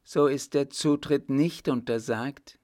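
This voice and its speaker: A man's voice: medium pitch, fairly even intonation, slow pace, darkish tone, pitched above the performer's own voice, lightly acted. A man reading the lines of a curt, commanding, sarcastic emperor in an audiobook. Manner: clipped, imperious.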